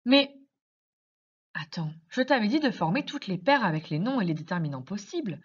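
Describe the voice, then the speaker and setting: A woman teacher explaining grammar to young children in slow, careful speech, asking many questions. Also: on the low side, husky, dull audio. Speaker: primary school teacher.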